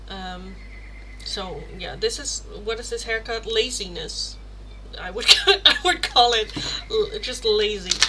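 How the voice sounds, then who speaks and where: A woman's voice: medium pitch, noisy background. A woman in her thirties hosting a casual live stream, chatting with viewers and answering their questions. She jokes about herself, laughs often and swears casually. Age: 30s. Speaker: tarot livestream host.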